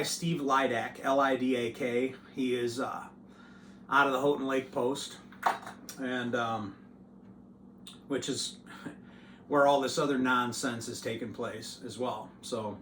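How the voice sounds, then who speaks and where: A man's voice: mid-range voice, roomy sound, slight background noise. Profane, fired-up man telling a story. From United States. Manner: profane, animated retelling. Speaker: channel host. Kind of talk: casual storytelling to camera.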